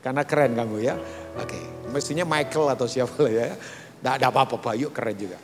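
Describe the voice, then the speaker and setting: A man's voice: mid-range voice, quick pace. A middle-aged man preaching a live church sermon, chatty and joking with the congregation. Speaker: pastor. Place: large church hall. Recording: echoey church hall with music. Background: keyboard and guitar music.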